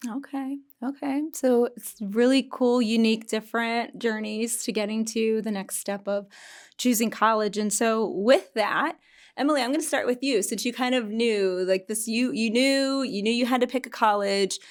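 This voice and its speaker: A university director of recruiting hosts a student panel, asking friendly, encouraging questions at a normal speed. Her voice sits on the high side.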